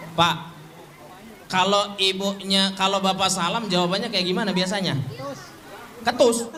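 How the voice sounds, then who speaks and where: Bright-voiced, slow, joking male preacher. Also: high-pitched, flat delivery, a little hiss or hum. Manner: playful, joking with the audience; chanting Arabic phrases in a drawn-out melodic way. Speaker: Islamic preacher. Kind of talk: sermon.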